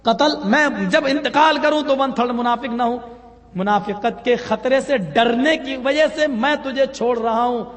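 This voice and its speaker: A man preaching who voices a stern, just ruler issuing firm warnings. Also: extremely high pitch. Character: stern just caliph, older man of authority. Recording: long hall reverb.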